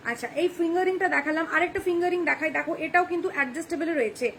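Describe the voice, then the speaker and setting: Fast-talking high-voiced young woman. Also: a bit bright, a little hiss or hum. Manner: fast, chatty, keeps checking "ঠিক আছে?". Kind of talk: live-stream sales pitch. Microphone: phone camera.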